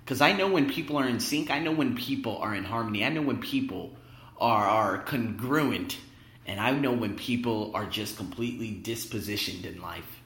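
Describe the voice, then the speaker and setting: A man's voice: lowish voice, expressive, moderate pace, a bit bright. A man hosting a podcast, giving an emphatic motivational monologue straight to his listeners, full of rhetorical questions, in a big echoing room. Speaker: podcast host. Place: indoor room at work. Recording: echoing, roomy sound in workplace room.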